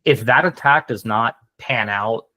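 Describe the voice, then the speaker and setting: A man's voice: mid-range voice, measured pace, pushed and bright. A man explaining things in casual conversation like a teacher, hesitantly thinking aloud.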